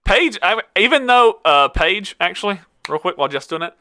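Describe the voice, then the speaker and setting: A man running a tabletop role-playing game as game master, relaxed and often correcting himself as he narrates. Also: high-pitched, moderate pace, no room sound, clean studio sound. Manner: relaxed, self-correcting, laughs easily.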